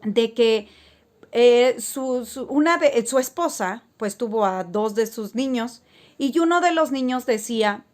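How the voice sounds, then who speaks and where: A woman's voice: a little high, animated, unhurried, a little mellow. A woman casually telling stories to her viewers, rambling with frequent fillers and restarts. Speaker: spiritual vlogger. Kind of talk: casual storytelling to camera.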